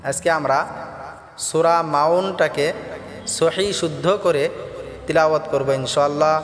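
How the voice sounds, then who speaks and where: A high-voiced man leads a recitation lesson, stretching verses into slow, melodic chant before dropping into quick, plain explanation. He speaks at an unhurried overall pace. His voice rings in an echoey space with long reverb and soft music underneath. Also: steady tone. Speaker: Quran recitation teacher.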